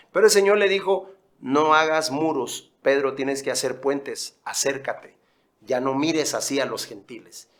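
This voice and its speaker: A middle-aged man preaches as a pastor, his voice sitting a little high for a man. He drives his points with emphatic bursts and slips into storytelling asides. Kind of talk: sermon.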